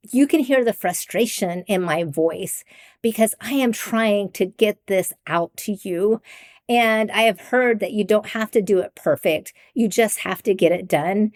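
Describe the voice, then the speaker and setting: Middle-aged woman, sincere solo podcast talk, ums and little laughs, mid-pitched voice. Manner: earnest, with frequent ums and soft laughs; mimics raised greeting voices. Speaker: podcast host and life coach.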